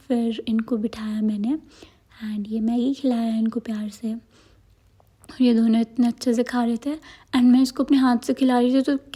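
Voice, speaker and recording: A woman's voice: on the high side, warm tone. A young woman vlogger narrating her day in a casual, rambling way, full of filler words.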